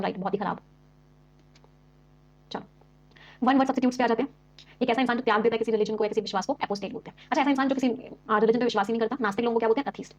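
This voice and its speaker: A woman English teacher rattles through an exam-prep vocabulary lesson at breakneck speed, her voice sitting fairly high. She keeps quizzing the class with rhetorical questions and switches between Hindi and English words. The recording sounds dull and lo-fi. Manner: mixes Hindi explanations with English terms.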